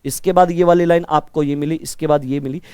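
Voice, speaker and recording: A man with a naturally loud, high voice teaches a live online reasoning class. He talks with energy, quizzes his students and calls them brother. The sound is smooth and close, with a dry room. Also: steady tone, brisk, dry recording. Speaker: reasoning teacher for exam prep.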